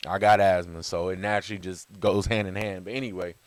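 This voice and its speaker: A man talking to camera in a casual motivational monologue, rambling with restarts and chuckles, swinging from loud high bursts to soft low murmurs. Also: flat delivery, fast talker, clear, resonant tone, dry recording. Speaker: vlogger.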